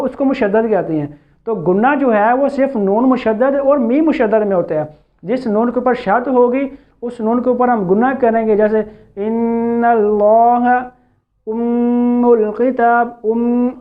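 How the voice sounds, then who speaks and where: A patient man teaches recitation rules, going over each point again and again. His recited examples are drawn out slowly. The sound is thin and tinny, like a phone line. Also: very high voice. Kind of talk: explaining tajweed rules.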